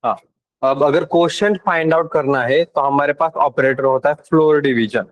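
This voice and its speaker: A young man lectures a class, mixing terms into his talk and checking often that students follow. His voice sits a little high, and the recording is dry and close. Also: normal speed, dry recording, rough recording. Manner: asks the class questions, mixes in English. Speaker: teacher.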